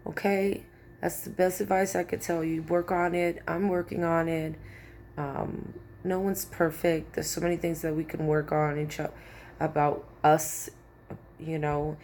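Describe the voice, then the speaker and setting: A woman's voice: on the low side, a little mellow, slight background noise. A woman talking to camera in a casual vlog, giving earnest, preachy advice with lots of fillers and repeated points. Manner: many fillers like um and you know. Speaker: vlogger.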